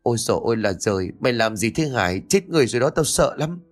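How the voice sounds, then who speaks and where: A man's voice: medium pitch, fast talker, husky, faint music behind, close to an everyday voice. A man voicing a cowardly young man who stammers and whimpers in fear, in a horror audiobook. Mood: terrified. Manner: stammering, tearful.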